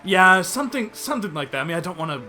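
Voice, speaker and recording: A man's voice: high voice, sing-song, fast talker, bright, forceful tone, faint music behind. A young man co-hosting a casual reaction video, chatty and laughing often.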